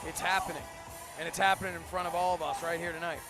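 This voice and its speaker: Wrestling color man: male, raised pitch, gravelly edge, wisecracking banter, loud music underneath. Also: fairly even intonation, quick pace. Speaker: color commentator. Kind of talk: live wrestling commentary banter.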